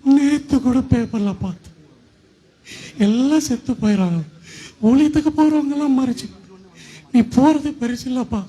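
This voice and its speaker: A widowed father, played by a man in a church skit, pleading through tears with his only son. His voice is high but very dark and husky. He keeps repeating his plea. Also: normal speed, long pauses. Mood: tearful pleading. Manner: tearful, pleading and repetitive.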